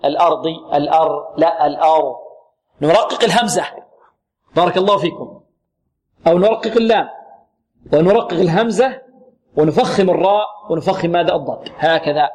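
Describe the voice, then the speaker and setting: رجل يعلّم التجويد بصوت مرتفع النبرة. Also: male voice, high-pitched, darkish tone. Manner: asks questions and answers them himself, repeats words slowly. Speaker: Quran recitation teacher. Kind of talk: tajweed lesson with demonstrations.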